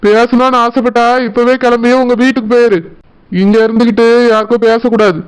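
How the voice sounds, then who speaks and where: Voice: mid-range voice, level tone, brisk, smooth, lightly acted, low-quality recording. A voice actor playing a stern young husband who curtly scolds his crying wife, in a Tirunelveli Tamil accent. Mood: scolding. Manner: curt, scolding.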